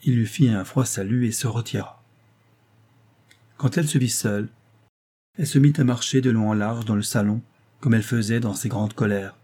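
A man narrating a novel as an audiobook, in a measured, even storytelling manner. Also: on the low side.

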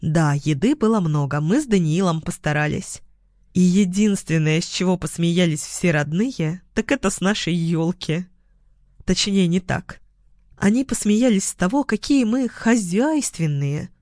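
A woman reading a first-person novel aloud at an unhurried pace, gently expressive. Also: lowish voice, no echo, studio quality. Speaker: audiobook narrator.

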